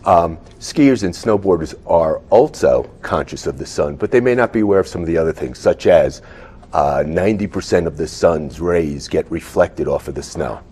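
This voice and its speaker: A man on a charity board, laying out facts in a measured way. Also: sits low, animated, a little mellow, breathy edge. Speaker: foundation board member.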